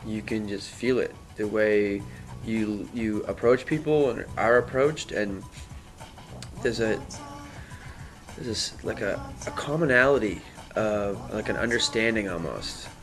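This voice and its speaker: A man with a somewhat low voice tells a loose, rambling personal story. He stops and restarts often and leans on fillers as he talks. Music plays clearly in the background. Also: measured pace, rough recording. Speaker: interview guest. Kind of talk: casual storytelling.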